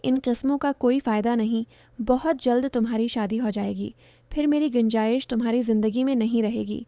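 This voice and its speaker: A woman's voice: fairly high pitch, dark tone, no room sound, lightly acted. Woman reading as a teasing young female friend. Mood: playful. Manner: playful, teasing, knowing.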